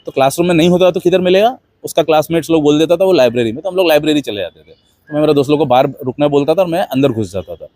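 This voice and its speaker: A man's voice: a little high, lively intonation, very fast, mellow, no room sound. A man telling a rambling personal story in a casual monologue, dropping in English words. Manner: rambling anecdotal, mixing Hindi with English words. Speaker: host.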